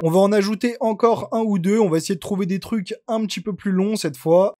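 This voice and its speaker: A man giving a calm, step-by-step music production tutorial over a screen recording. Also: high voice, fairly quick.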